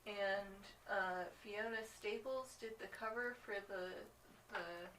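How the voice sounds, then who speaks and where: A woman's voice: mid-range voice, steady tone, slow, a bit bright. A woman co-hosting a casual podcast, chatty and laughing as she recaps a comic book. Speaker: podcast co-host. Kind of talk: casual chat. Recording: distant mic with faint noise.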